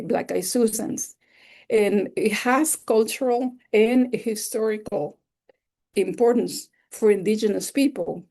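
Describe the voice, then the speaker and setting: Slow, gravelly woman. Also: mid-range voice, warm tone. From El Salvador. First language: Spanish. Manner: enthusiastic, explanatory. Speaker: webinar instructor. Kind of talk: slide-based webinar lecture.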